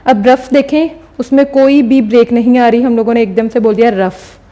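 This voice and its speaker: A woman teacher explaining a recorded lesson step by step, often pausing to check understanding. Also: a little high, steady tone, mellow. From Pakistan. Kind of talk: recorded classroom lecture.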